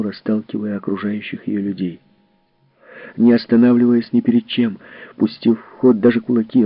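A man reading a story aloud as audiobook narrator, in a measured, expressive way. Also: on the low side, dry recording. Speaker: audiobook reader. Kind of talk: scripted narration. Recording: dull, dry audiobook recording.

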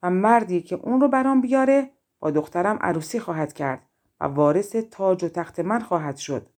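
A fairy-tale king makes stately declarations, voiced by a woman narrating an audiobook. The tone is mellow and the delivery measured and commanding. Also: fairly low pitch, lively intonation, natural voice.

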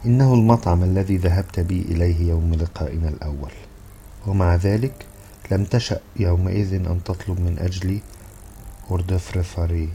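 A man's voice: low voice, fairly quick, mellow, slight background noise. A man reading the part of a fussy, exasperated husband who scolds and brushes things off. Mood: scolding. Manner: scolding, dismissive.

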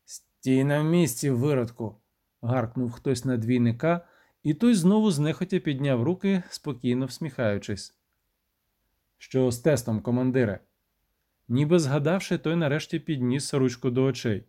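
A man narrating a first-person novel as an audiobook, reading evenly and rising for the shouted lines. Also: mid-range voice, normal speed. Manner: even storytelling that lifts and grows loud for shouted lines.

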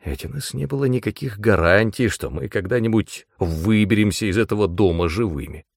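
A man narrating a first-person audiobook in an expressive, measured way. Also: lowish voice, creaky, no room sound, studio quality.

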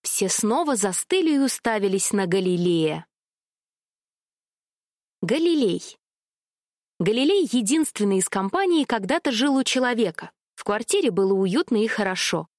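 A woman reading a children's story aloud with gentle, expressive narration. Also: mid-range voice, brisk, hardly any pauses, no echo, studio quality.

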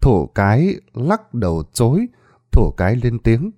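Male narrator, animated read, mellow dark voice. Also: mid-range voice, unhurried, no echo. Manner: lively storytelling with many acted voices. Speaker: storyteller. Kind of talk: scripted narration.

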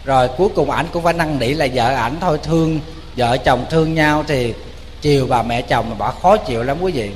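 A man with a Southern Vietnamese accent, a Buddhist monk telling a story in a sermon, animated and colloquial, speaking straight to his audience. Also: mid-range voice, fairly quick, long reverb tail, slight background noise.

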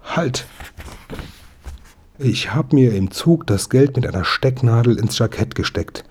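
A man's voice: medium pitch, animated, normal speed, darkish tone, slightly rough. A man voicing an indignant, eager young boy in a storybook reading, talking in agitated outbursts. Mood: urgent.

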